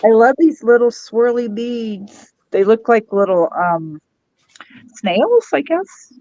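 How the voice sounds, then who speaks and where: A woman guest on a craft livestream, explaining her beadwork in a relaxed, chatty way. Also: a little high, slow pace, highs cut off. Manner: relaxed, explanatory, lots of "you know". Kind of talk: casual chat on a live stream.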